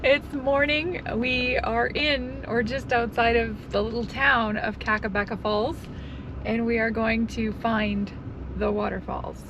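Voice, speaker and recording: A woman's voice: a little high, steady tone, unhurried, lo-fi sound, noisy background. A woman from Canada, an RV travel vlogger, narrating and chatting casually with her partner, often laughing and teasing.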